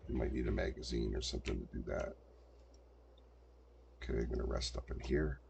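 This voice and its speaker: Playing at a desk mic amid a noisy background, an older gameplay streamer mutters casual commentary to himself. His very deep, creaky voice is animated and fairly quick.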